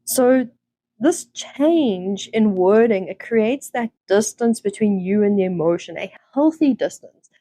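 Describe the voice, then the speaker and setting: A woman hosting a self-development talk, explaining mindfulness ideas in a gentle, conversational way with fillers and restarts. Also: mid-range voice, expressive, unhurried, dry recording. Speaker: self-development podcast host. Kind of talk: reflective teaching monologue.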